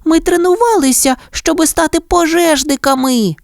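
A woman playing a shrill eager girl puppy. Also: moderate pace, vocal fry, dry recording, studio quality. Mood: pleading. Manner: shrill, shouting, boastful. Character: eager excitable little girl dalmatian puppy. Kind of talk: storybook reading.

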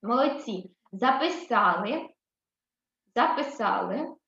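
A woman teaching a first-grade writing lesson with a Ukrainian accent, speaking slowly and patiently and praising the children often. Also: fairly high pitch, animated, a bit bright. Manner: encouraging, often asks "так?" and praises the children. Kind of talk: slow, patient classroom instruction. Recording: roomy, slightly dull recording.

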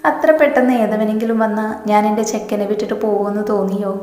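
A woman's voice: medium pitch, fairly even intonation, quick pace, a little mellow, close to an everyday voice. A woman voicing a playful young woman who teases her lover, in a storybook reading with room echo. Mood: affectionate. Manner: teasing, cheeky. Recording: roomy echo with long reverb.

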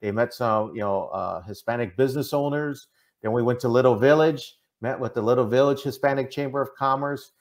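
On a video call from an indoor room, a middle-aged diversity consultant from Minnesota answers interview questions. His medium-pitched voice is brisk, and his earnest, conversational Midwestern delivery often includes a checking-in "right?" The sound is from a video call microphone.

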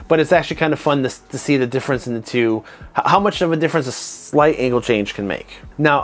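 A man in his thirties, a martial arts instructor, talking to camera from a home studio on a lapel mic, giving animated, nitpicky commentary on a fight scene. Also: medium pitch. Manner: animated, conversational, self-described nitpicker. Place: home studio room with desk lamp and monitors. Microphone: clip-on lapel mic.

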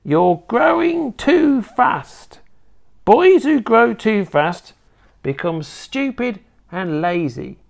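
A wicked, tiny old grandmother from a children's storybook, very high and creaky. She is bossy and scornful, stretching words out slowly with gleeful nastiness and huge swoops. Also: very animated, exaggerated voice. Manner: snappish, scornful, drawn-out emphatic delivery.

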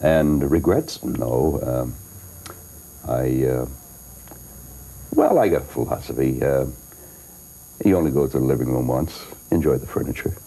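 An older man being interviewed about his long singing career. His voice is low and husky, with a dark tone. He chats loosely, swinging his pitch up and down through his stories. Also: lively intonation, measured pace, pauses often, low-quality recording. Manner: chatty, laughs often, many fillers and restarts. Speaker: guest, singer and actor. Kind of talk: interview, storytelling.

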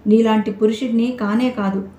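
Woman voicing a resentful young wife for a storybook, accusing and indignant, mellow voice, echoey room, light character voice. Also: a little high, steady tone, moderate pace, a little hiss or hum, natural voice. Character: young bride, bitter and defiant. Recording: roomy echoey recording.

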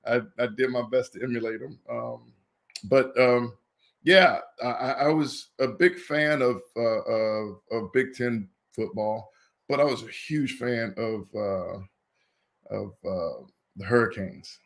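A man in his fifties from Indianapolis, a former college football player telling stories as an interview guest, in a lively way that acts out the people he quotes. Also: medium pitch, takes it slowly, creaky. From Indianapolis, USA. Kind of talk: casual interview storytelling.

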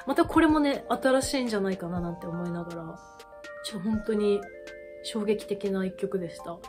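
A woman hosting a reaction video, reacting with excited exclamations and then talking through her thoughts casually. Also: medium pitch, normal speed, music in the background.

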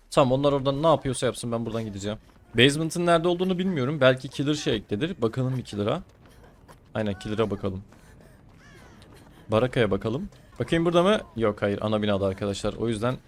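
A man giving casual running commentary as he plays a game, teasing his opponent and grumbling when things go wrong. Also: fairly low pitch. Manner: chatty, teasing and exasperated. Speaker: gaming streamer.

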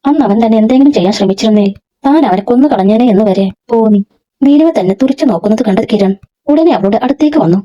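A woman narrating a serialized story in a steady, even reading voice, in a dull lo-fi recording. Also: a little high, fast talker.

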